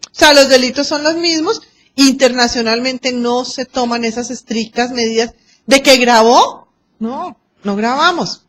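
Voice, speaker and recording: A Colombian woman lecturing a class on arbitration, lively and acting out quoted exchanges and anecdotes. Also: high voice, measured pace, slight background noise.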